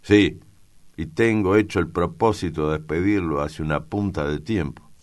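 A man reading an audiobook, voicing a gruff, vehement old ranch-owner father. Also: a bass voice, lively intonation, unhurried, full character voice. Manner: blustering, insistent. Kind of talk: audiobook character voice.

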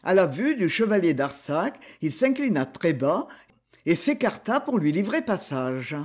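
A man reading a novel aloud as an audiobook narrator, expressive and giving the characters' lines their own tone. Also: sits high, unhurried. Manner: expressive reading, voicing characters with quoted dialogue. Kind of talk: scripted narration.

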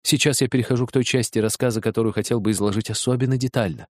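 A man reading a story aloud in the first person, in measured storytelling narration. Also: medium pitch, fairly even intonation, no echo, studio quality. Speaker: audiobook reader.

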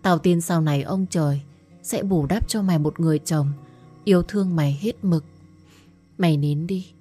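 A woman voicing a young woman who is the blunt, worried best friend, talking fast and scolding. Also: on the low side, dark tone, husky, faint music behind. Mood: comforting.

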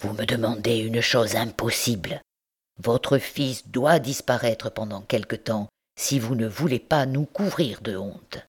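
A woman's voice: extremely low pitch, lively intonation, normal speed, warm tone. A woman voicing a stern middle-aged uncle and politician in an audiobook, speaking in curt, brusque words.

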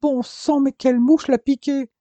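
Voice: sits high, flat delivery, moderate pace, mellow, dry recording, voice pushed up, lightly acted. A reader voicing a frantic adult mother who exclaims in rising disbelief. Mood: horrified. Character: frantic mother, adult woman, easily alarmed.

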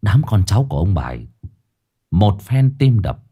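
A man's voice: on the low side, sing-song, normal speed, warm tone, breathy edge. A man narrating a ghost story, dramatic and blunt, with coarse slang.

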